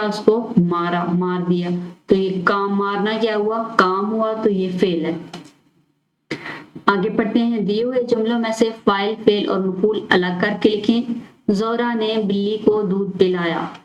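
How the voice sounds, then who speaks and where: Woman teacher spelling words out, echoey. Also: medium pitch. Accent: Pakistani Urdu. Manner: spells words out letter by letter, asks and answers own questions. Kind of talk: explaining a school lesson. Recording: echoey room.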